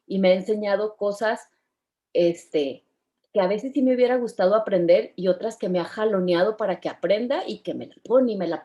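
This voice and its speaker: A woman's voice: medium pitch, mellow, muffled recording. A woman in her fifties from Mexico, chatting cheerfully as an interview guest and laughing often. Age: 50s. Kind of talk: casual interview chat.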